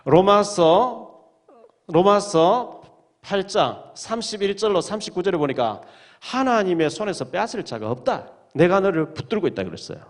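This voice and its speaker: A man preaching in a church, his fairly high voice rising and falling with lively swings. He reads the verses aloud and retells the stories with plenty of drama. Sermon delivery with an audience in mind. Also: normal speed. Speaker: pastor. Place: church sanctuary.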